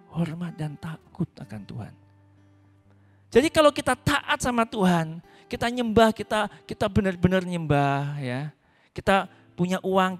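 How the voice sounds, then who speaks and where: A young man preaching a youth sermon as pastor, asking the audience questions and acting out the voices of children and parents. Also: high voice. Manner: lively, asks the audience questions.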